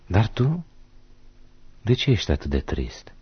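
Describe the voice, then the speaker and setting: An actor playing a bold, reassuring young soldier friend in a radio play, eager and loud. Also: male voice, fairly low pitch, huge pitch swings, breathy edge, full character voice. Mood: brash. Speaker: the lead's friend. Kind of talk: radio drama acting. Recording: dull lo-fi radio recording.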